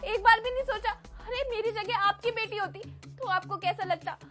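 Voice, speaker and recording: A woman acting as a young wife in a family skit, accusing her husband loudly and emotionally. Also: very high voice, moderate pace. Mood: hurt, pleading.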